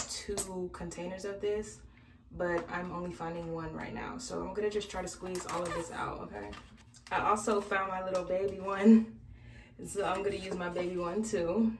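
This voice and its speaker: A young woman, a beauty vlogger, chats casually to the camera while doing her hair, giving a relaxed hair tutorial. Her voice sits at medium pitch, with background noise, and the recording sounds roomy and distant.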